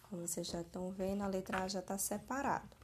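A woman teacher reads out answer keys for young pupils, slowly and deliberately, spelling words out. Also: medium pitch, flat delivery, slight background noise. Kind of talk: slow classroom answer-key reading.

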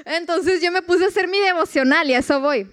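A young woman with a Mexican accent telling a personal faith story casually, animated and acting out the voices she quotes. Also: extremely high pitch, fairly quick. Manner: animated, acts out quoted voices, laughs often. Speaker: speaker sharing a personal testimony.

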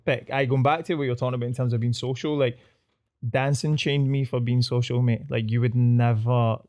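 A man speaks with a Glasgow street accent in a soft-edged, relaxed tone. He is a podcast guest chatting casually and sharing personal anecdotes. His talk is full of slang and swearing, with "mate" dropped in often. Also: mid-range voice, a little fast, lo-fi sound.

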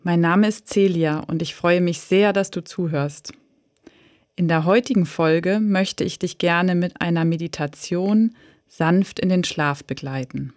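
A woman gently guides a sleep meditation as a podcast host, in the soothing, unhurried manner of a sleep story narrator. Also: fairly low pitch, dry recording, clean studio sound. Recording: soft new-age music behind voice. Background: new-age music.

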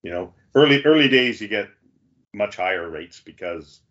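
Guy hosting a pinball-type chat podcast, deep voice, rambles and restarts a lot, muffled audio. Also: animated, normal speed, a bit bright. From Canada. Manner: rambling, many restarts and fillers. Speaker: podcast host. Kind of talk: casual chat. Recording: dull lo-fi sound.

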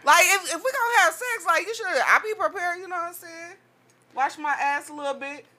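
Loud teasing woman with a bright voice. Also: very high-pitched, fairly quick. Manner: loud, teasing, laughs often, curses freely. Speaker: podcast co-host. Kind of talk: casual raunchy podcast chat.

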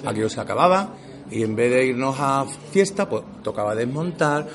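Over crowd noise, a middle-aged Sevillian actor speaks at a moderate pace with a medium pitch in a casual interview. He is an animated storyteller who acts out quoted dialogue, using neutral Castilian Spanish at work and Andalusian at home.

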